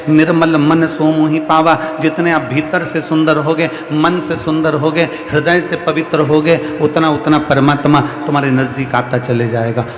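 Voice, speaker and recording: A man's voice: fairly high pitch, background noise. A man preaching a devotional sermon to a live audience, driving his points home with emphatic repeated refrains. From India. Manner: rhetorical repetition, emphatic refrains. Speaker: kathavachak preacher. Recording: roomy reverberant hall, faint music behind.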